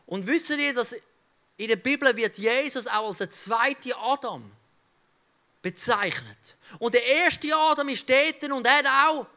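A man preaches in a notably high, bright voice. He addresses the congregation directly in a conversational way, as if talking with each listener. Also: expressive, a little slow. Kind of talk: sermon.

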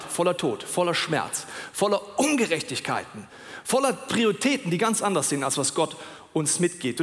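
A man preaching a sermon in an animated way, speaking straight to his listeners with questions. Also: on the high side. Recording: long hall reverb.

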